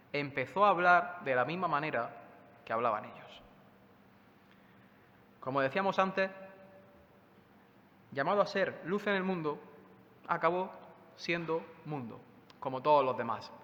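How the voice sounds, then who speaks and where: A man with a Spain Spanish accent preaches a Sunday sermon in a conversational way, often putting questions to the congregation. His voice sits a little high and sounds sharp and forceful. The church around him adds a long echo, and the recording is slightly dull. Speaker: pastor preaching.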